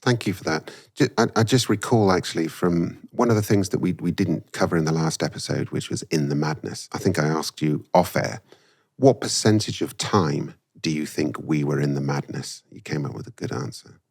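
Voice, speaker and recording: Very deep gravelly man co-host. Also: normal speed. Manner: gentle, prompting, lots of soft agreeing murmurs. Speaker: podcast co-host. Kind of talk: candid personal conversation.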